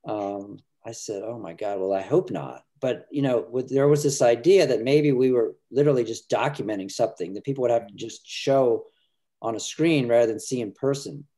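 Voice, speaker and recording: With a warm, mid-range voice, a middle-aged filmmaker talks as a guest on a casual video call, seated in a room at home. He's earnest yet halting, repeatedly restarting what he says, recorded through the webcam.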